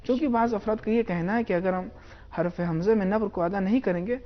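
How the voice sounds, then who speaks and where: A man teaches the rules of Quran recitation in a measured manner, slowing down to demonstrate pronunciation. His voice is high-pitched, and the recording's highs are cut off.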